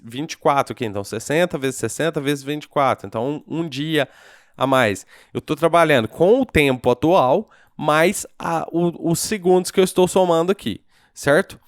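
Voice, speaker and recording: A Brazilian-accented man talks through a coding tutorial at his computer, relaxed and unhurried, pausing often to check that the viewer is following. His voice is smooth and resonant, recorded dry and close with almost no room sound. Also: mid-range voice, no echo. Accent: Brazilian Portuguese. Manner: relaxed, thinking aloud, checks in with "certo?" after each step. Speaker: programming teacher. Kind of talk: casual screencast tutorial.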